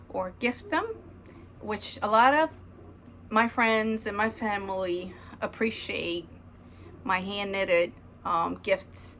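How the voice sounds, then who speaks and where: At home, a Ukrainian woman in her thirties who vlogs about knitting chats casually to camera, rambling with lots of ums. Her voice is medium-pitched and a bit bright, with slight background noise.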